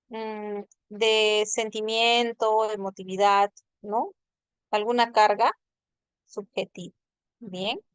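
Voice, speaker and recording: A woman's voice: fairly high pitch, clean tone, dry recording. A woman teaching a language class online, patiently explaining and checking in with her students. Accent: Peruvian Spanish.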